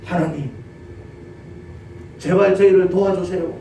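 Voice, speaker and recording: Old Moses voiced by a male preacher, pleading prayer, mellow tone, echoey distant room. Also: high-pitched, steady tone, a little slow, slight background noise. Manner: pleading, then jubilant cries to God. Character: Moses, elderly male leader praying desperately. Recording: roomy church audio from a distance.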